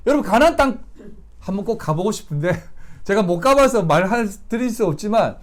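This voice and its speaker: A man's voice: high-pitched, lively intonation, a little fast. A man preaching a Sunday sermon as pastor, emphatic and putting rhetorical questions to the congregation. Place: church service.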